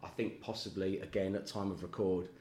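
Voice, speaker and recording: A man's voice: low-pitched, little pitch movement, a little fast, darkish tone, a little hiss or hum. A man in casual chat as a guest, rambling and self-deprecating, often laughing at himself. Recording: echoey room with faint ambience.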